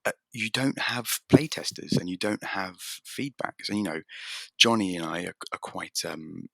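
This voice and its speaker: A man's voice: low voice, lively intonation, measured pace, gravelly, a bit bright, no room sound, studio quality. A man talking as a podcast guest about making his game, rambling and self-deprecating with lots of restarts. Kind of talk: casual conversation.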